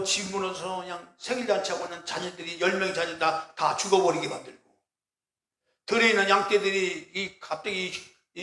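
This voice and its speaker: A man's voice: high voice, a bit bright, reverberant. A man preaching a sermon as pastor, emphatic and often questioning his congregation. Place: church.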